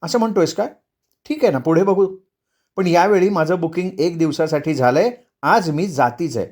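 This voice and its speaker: Male storyteller playing a bossy, scolding young wife; lifted pitch, sharp and quick. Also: lightly acted.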